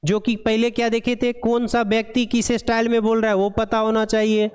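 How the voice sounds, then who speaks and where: A man teaching pharmacy, reading lines slowly and explaining them in Hindi, often asking the class questions. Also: extremely high pitch, level tone, darkish tone, clear, resonant tone. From India. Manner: asks the class rhetorical questions. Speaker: pharmacy lecturer. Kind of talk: classroom lecture.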